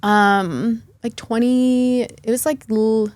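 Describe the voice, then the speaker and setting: A woman's voice: a little high, steady tone, slow, a little mellow, dry recording. A young adult woman, born in Lithuania and raised in Chicago, telling her personal story as a podcast guest, earnest and chatty with many fillers.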